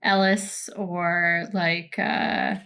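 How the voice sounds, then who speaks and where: A woman's voice: fairly low pitch, level tone, drawn-out words, a bit bright, clean tone. A woman playing a tabletop game, speaking politely and hesitantly in character, with many fillers. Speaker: player. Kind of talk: casual tabletop role-play.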